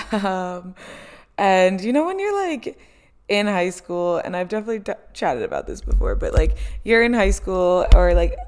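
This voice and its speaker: A woman's voice: mid-range voice, sing-song, normal speed, a little mellow. A woman, hosting a casual solo chat and talking with many "um"s and "like"s. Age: 20s. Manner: chatty, lots of "um" and "like", laughs often. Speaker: podcast host.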